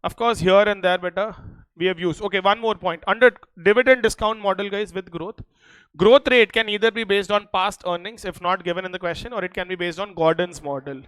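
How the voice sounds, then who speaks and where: A man's voice: high voice, fairly quick, a bit bright, smooth, dry recording, rough recording. A man with an Indian accent giving a classroom revision lecture as a teacher, emphatic and often checking that students follow. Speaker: accountancy teacher.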